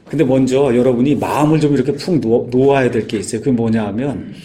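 Mellow-voiced man preaching plainly. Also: medium pitch. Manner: halting, many "ye" fillers, explanatory. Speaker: guest speaker. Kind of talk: informal sermon.

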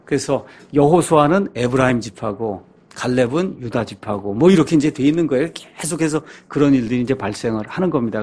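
대화하듯 설교하는 남성 목사. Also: male voice, mid-range voice, darkish tone, slightly rough. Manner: conversational, asks and answers his own questions. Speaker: pastor. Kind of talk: sermon, Bible teaching.

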